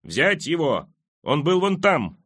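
A man voicing a cruel, spoiled young king who shouts furious commands. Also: on the high side, moderate pace, breathy edge, pitched above the performer's own voice.

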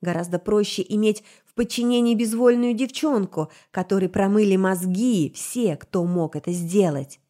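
A woman narrating a fantasy novel in the first person, measured and dramatic. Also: mid-range voice, mellow. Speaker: audiobook narrator.

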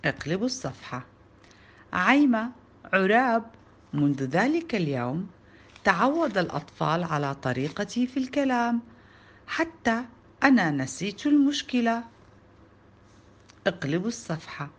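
A woman reading a children's storybook aloud in an expressive storytelling manner. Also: mid-range voice, moderate pace, pauses often, breathy edge. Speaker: storybook reader.

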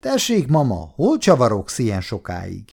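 A man's voice: mid-range voice, huge pitch swings, gravelly, a little mellow, breathy edge, heavily acted. A man reading aloud and voicing a jovial, commanding older father. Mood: impatient. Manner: hearty, commanding.

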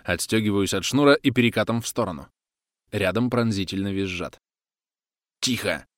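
A man's voice: lowish voice, fairly quick, dry recording. A man reading a first-person action story aloud with dramatic storytelling on a close mic. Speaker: audiobook narrator. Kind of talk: first-person audiobook narration.

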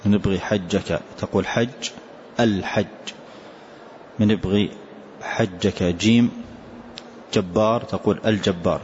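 A man's voice: fairly low pitch, fairly even intonation, unhurried, long pauses, a little mellow. A man teaching as a sheikh, patiently repeating a student's recited line and then explaining it. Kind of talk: classroom text explanation. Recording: dull lo-fi lesson recording, faint hiss.

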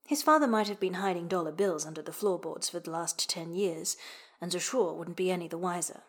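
Woman narrating a story, hushed phrase ends. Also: fairly low pitch, a little fast. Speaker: audiobook narrator. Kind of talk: scripted narration.

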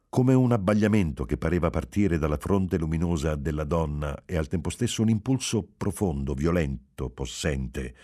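Man narrating a novel, audiobook style, unhurried, extremely low voice, husky. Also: mellow. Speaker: audiobook reader.

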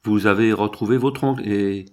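A man reading aloud, voicing a lively, affectionate young woman who loves diamonds, with soft, pleading questions in a husky voice. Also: fairly low pitch, moderate pace, natural voice. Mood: coaxing. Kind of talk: audiobook reading.

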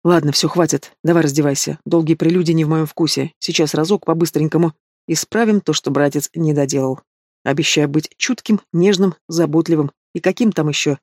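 A man's voice: fairly high pitch, fairly quick, a little mellow, no echo. A man voicing a cold, cynical young man who threatens and mocks, in a dry storybook reading.

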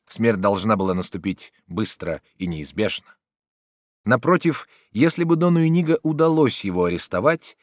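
Male narrator, dramatic storytelling, animated pitch. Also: no echo, clean studio sound. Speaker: audiobook narrator. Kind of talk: scripted narration.

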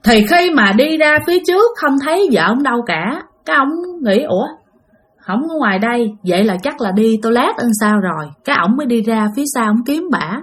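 A woman storyteller with a Southern Vietnamese accent, her voice sitting fairly high. She narrates a ghost story in a chatty, conversational way and keeps speaking directly to her listeners. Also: a bit bright.

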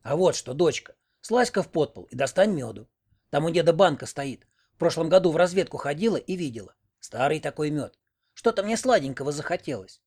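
A man's voice: a little high, very animated, fairly quick, a little mellow, breathy edge, full character voice. A man voicing a crafty old village grandmother who schemes and grumbles. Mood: grumbling. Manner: grumbling, sly, bossy.

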